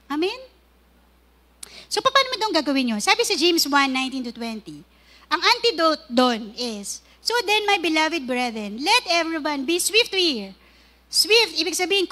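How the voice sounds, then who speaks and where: A woman's voice: sits high, sharp tone. A woman preaching a sermon on marriage, mixing English and Tagalog, with joking asides and acted-out quarrels.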